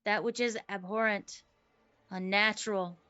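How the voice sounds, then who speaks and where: Woman playing a slow, solemn forest protector. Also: medium pitch, fairly even intonation, pushed and bright, dull audio. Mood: earnest, measured. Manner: formal, measured oath-like phrases. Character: solemn, earnest forest protector pleading for peace. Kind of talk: tabletop game role-play.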